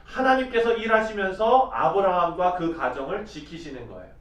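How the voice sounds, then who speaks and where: A male pastor giving an early-morning sermon, reading scripture slowly and asking his listeners questions in a conversational way. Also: high-pitched, lively intonation, a bit bright. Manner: reads scripture slowly and deliberately. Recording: echoey room, voice distant from mic.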